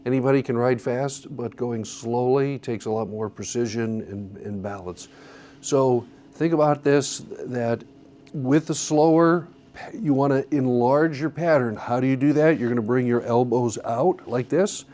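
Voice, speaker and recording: Slow, patient male song-leading teacher. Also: medium pitch, mellow, a little hiss or hum. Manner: patient, methodical, counts beats aloud. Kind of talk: classroom instruction. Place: church classroom.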